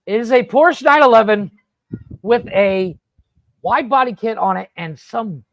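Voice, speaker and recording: A man hosting a casual podcast, telling rambling, profane stories in an animated way. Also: sits high, unhurried, no room sound, low-quality recording. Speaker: podcast host. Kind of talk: casual storytelling chat. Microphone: podcast studio mic.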